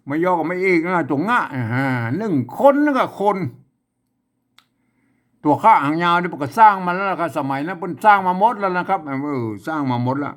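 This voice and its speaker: A man teaching a casual spoken lesson, repeating himself and talking with many fillers. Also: on the high side. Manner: repetitive, rambling, with many fillers.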